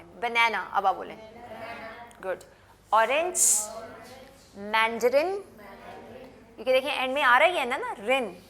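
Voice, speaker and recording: A woman teaching English words in a television lesson, patiently repeating and spelling each word slowly for learners to copy. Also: a little high, fairly bright tone. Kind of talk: classroom lesson with repetition drills.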